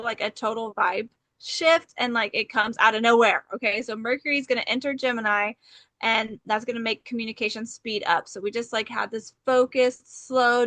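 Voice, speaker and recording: A bubbly woman co-hosts an astrology podcast and keeps the talk loose and chatty. Her voice sits fairly high, and the sound is dry and close with no room around it. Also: a bit bright, no room sound. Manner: bubbly, chatty, filler-heavy with frequent "like" and "okay". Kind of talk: casual chat.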